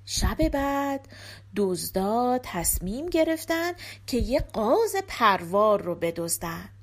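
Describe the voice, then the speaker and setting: A woman reading a folk tale aloud with expressive, animated delivery. Her voice sits high and swoops widely as she moves the story along. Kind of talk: scripted narration of a folk tale.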